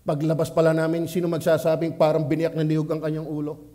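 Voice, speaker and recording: A man with a Batangas accent, a pastor preaching at a church prayer meeting, swinging from quiet asides to loud exclamations. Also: on the high side, completely flat delivery, fast talker. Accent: Filipino, Batangas.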